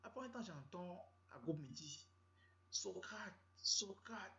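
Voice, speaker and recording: A comedian storyteller with a Cameroonian French accent rambles through a comic story, full of slang and repetition. His fairly high, slightly mellow voice swings widely in pitch at a normal speed, captured with roomy, dull lo-fi sound.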